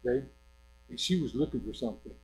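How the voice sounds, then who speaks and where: A man's voice: mid-range voice, animated, quick pace, noisy background. An older man preaching an informal sermon in a church, rambling in a conversational way and often checking in with his listeners.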